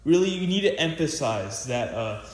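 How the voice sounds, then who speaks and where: A man's voice: on the high side, animated, normal speed. Rambling teen boy in an echoey room. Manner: rambling, filler-heavy, many restarts. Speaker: student percussionist. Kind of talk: casual demonstration lesson. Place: practice room with a drum pad. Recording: echoey room with loud hiss.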